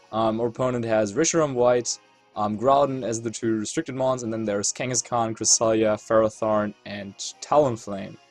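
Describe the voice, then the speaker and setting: A man's voice: mid-range voice, darkish tone. German-accented man thinking aloud over gameplay. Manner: thinks aloud, weighing moves. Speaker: competitive video game player and channel host. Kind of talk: casual gameplay commentary.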